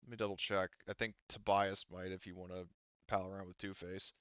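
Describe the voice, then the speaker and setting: Running a tabletop game, a male game master casually explains rules with halting self-corrections. He has a deep, level voice that's clear, resonant, and a bit bright, recorded with no echo and the highs cut off.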